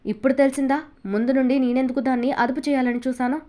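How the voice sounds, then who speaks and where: A woman reads a cruel middle-aged aunt who sneers and scolds with contempt. The voice is high and cutting. Told like a storybook. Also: steady tone, quick pace, dark tone, lightly acted. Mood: contemptuous rage. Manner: sarcastic, harsh.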